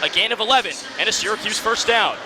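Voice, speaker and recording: He talks fast in a high-pitched voice, a man in his early twenties working as a radio play-by-play announcer for a live college football game. His calls are short, vivid and in the present tense, heard over a noisy stadium crowd.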